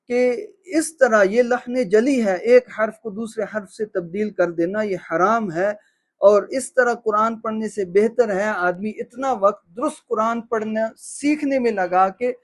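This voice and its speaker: A man with a Pakistani Urdu accent giving a tajweed lesson, slowly and deliberately drilling the sounds of similar letters. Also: sits high. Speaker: Quran recitation teacher.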